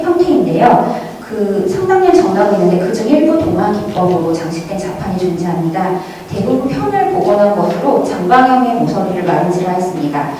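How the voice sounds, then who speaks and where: Recorded from afar in a big, very echoey conference hall with faint noise, a woman presents formal prepared academic material at a museum conference. Her voice is a little high and mellow.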